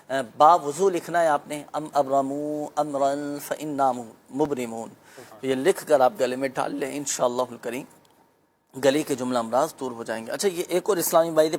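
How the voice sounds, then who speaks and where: A man with an even, middle-pitched voice hosting a religious advice program. He speaks calmly and instructively, and he often weaves pious phrases into his guidance. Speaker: host answering viewers on spiritual remedies.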